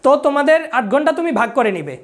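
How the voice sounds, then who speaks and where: A young woman teaching Quran reading, slowly sounding out Arabic letters and vowel marks for her students to repeat. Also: high-pitched, very animated. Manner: slow, syllable-by-syllable recitation and patient instruction.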